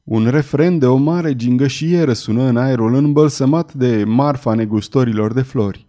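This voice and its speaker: Warm-voiced male audiobook narrator. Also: medium pitch. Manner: expressive, theatrical.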